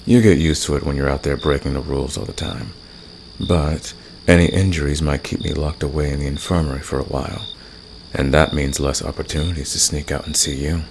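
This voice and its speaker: In an intimate ASMR roleplay, a man plays a flirtatious, teasing fantasy villain who secretly cares, speaking softly and seductively to the listener in a gravelly voice. His bass tone stays steady and his pace is fairly quick. The noisy recording carries a nighttime ambience of crickets and insects.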